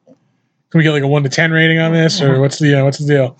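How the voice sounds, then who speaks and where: Slightly high-voiced man, wry and halting. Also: flat delivery, a loud crowd. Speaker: podcast panelist. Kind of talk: casual panel chat. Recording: muffled, dull sound.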